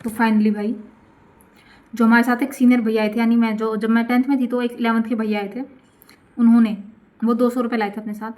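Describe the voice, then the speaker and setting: A woman's voice: on the high side, brisk, pauses often. A chatty woman from India telling a dramatic storytime about her school days, repeating herself for effect. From Gurugram, India. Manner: animated, repeats questions. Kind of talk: storytime vlog.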